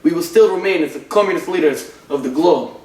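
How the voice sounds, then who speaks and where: A man's voice: fairly high pitch, a little fast, darkish tone, close to an everyday voice. A man putting on a menacing Soviet leader. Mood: threatening. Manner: attempting a Russian accent. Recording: echoey room, mic far off.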